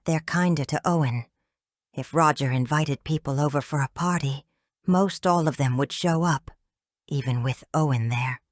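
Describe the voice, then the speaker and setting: A woman narrating a first-person thriller audiobook with expressive reading, recorded on a close mic. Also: sits low, no echo.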